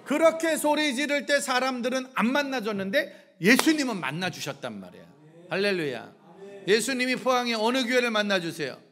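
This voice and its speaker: A middle-aged pastor preaching a revival sermon in a church, firing either-or questions at the congregation and acting out shouts. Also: male voice, very high voice, sing-song, fairly quick. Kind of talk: lively revival sermon with call-and-response questions. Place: church sanctuary.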